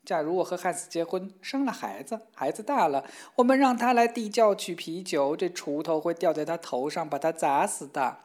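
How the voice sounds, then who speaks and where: A woman's voice: fairly low pitch, lively intonation, normal speed, hardly any pauses, a little mellow. A woman voicing a fretful, tearful young woman in a storybook tale, speaking in an anxious, wailing way. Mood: tearful worry.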